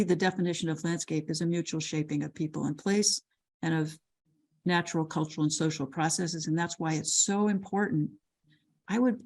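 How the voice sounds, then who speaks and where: An older woman lecturer answers a question on a video call, thoughtful and full of restarts and repeated words. Her voice is lowish and a little mellow.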